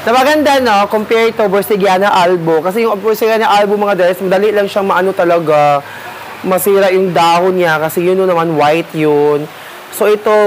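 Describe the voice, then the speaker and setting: A gardening vlogger with a high-sitting voice gives a casual, rambling tour of his home garden, partly outdoors, repeatedly calling his viewers "darling." A little hiss or hum is audible.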